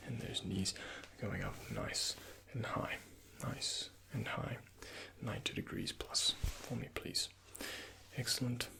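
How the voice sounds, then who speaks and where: A man with a quiet, breathy voice, frequently half-whispering, acts as a doctor in an ASMR scenario, calmly instructing and reassuring the listener. His voice is mid-range with fairly even intonation, and he speaks slowly.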